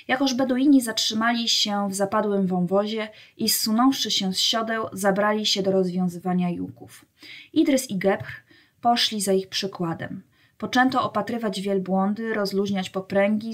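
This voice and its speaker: Woman reading a storybook aloud. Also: medium pitch. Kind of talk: storybook narration.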